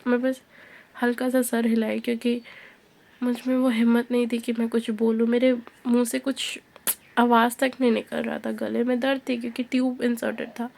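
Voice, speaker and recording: Young woman, Indian accent, personal storytelling, slow and soft, gravelly, flat delivery. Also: on the high side. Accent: Indian English. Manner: mixes Hindi and English, slow and soft-spoken.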